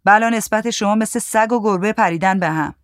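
A woman voicing a sharp-tongued, impatient woman who answers with brusque, mocking retorts in a storybook reading. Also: medium pitch, no echo, clean studio sound, voice pushed up, lightly acted. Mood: weary sarcasm.

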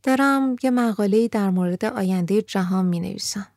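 Brief: earnest teen girl, sixteen, reflective, read by a woman narrator, gravelly edge, dry sound. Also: mid-range voice, dry recording, lightly acted. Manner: earnest, reflective, sometimes laughing softly. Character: serious thoughtful teenage girl, sixteen.

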